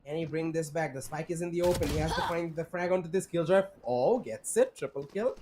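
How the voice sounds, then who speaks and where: A man casting a live video game match as play-by-play commentator, talking fast and excitable. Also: fairly high pitch. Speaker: esports caster. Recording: noisy live game audio behind. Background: game sound effects and callouts.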